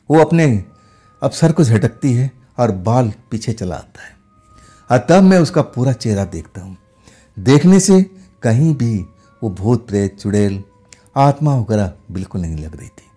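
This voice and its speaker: A male horror storyteller with a husky, dark-toned voice that rises and falls dramatically. He builds suspense in a first-person ghost tale and keeps sinking into hushed tones, with faint music behind him. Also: medium pitch, very animated, a little slow, long pauses.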